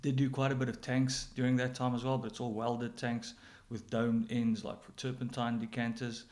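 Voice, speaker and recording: South African man, medium-pitched, chatting casually. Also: little pitch movement, moderate pace, a little mellow. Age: middle-aged. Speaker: general manager interviewee. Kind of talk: casual interview answers.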